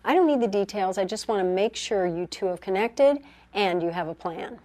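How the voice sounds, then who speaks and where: Calm, firm senior woman physician, concerned and steady, played by an actress. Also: mid-range voice, moderate pace, natural voice. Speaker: supervising physician.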